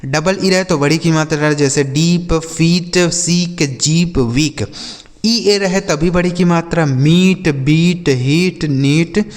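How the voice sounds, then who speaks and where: A male English teacher, teaching a class. He asks questions and answers them himself, and says words slowly, sound by sound. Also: fairly high pitch, in a large hall. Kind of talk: classroom-style lesson.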